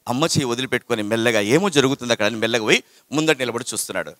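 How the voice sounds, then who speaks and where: A man giving an animated storytelling talk to students, repeating phrases and chanting verses. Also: medium pitch, very fast, no room sound, studio quality. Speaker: motivational speaker to students.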